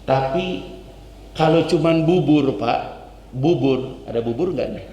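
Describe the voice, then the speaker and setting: A man's voice: on the high side, unhurried. A male ustadz giving a dawn mosque sermon, telling stories and addressing the men directly. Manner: animated storytelling, direct address. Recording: echoey mosque hall, faint hum.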